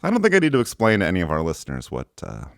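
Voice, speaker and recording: Deep-voiced man joking through clues. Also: huge pitch swings, racing, gravelly, dry recording, studio quality. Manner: joking, gives playful word clues. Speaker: podcast host. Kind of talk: casual chat.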